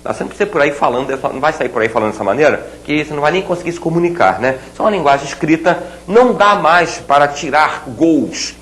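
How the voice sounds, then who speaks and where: A man teaching grammar to students, spelling out example words slowly and checking in with rhetorical questions. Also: a little high, lively intonation, a bit bright, low-quality recording. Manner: playful asides to students. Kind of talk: recorded grammar lesson at a board.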